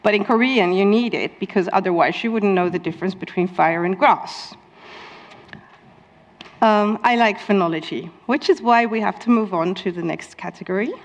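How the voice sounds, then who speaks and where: A woman's voice: medium pitch, normal speed, highs cut off. A woman giving a linguistics lecture, a native Dutch speaker talking with many ums and little laughs at her own asides. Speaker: speaker at a conference talk. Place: lecture hall or tent. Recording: long hall reverb.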